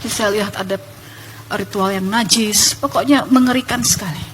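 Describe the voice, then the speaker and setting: A young woman telling her testimony in church, animated and emphatic, addressing the congregation. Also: medium pitch, moderate pace, slight background noise.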